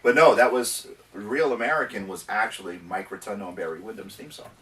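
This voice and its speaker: A man's voice: on the low side, fairly quick. A man sharing trivia and quizzing the others on a casual chat podcast as a co-host. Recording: distant mic with faint noise.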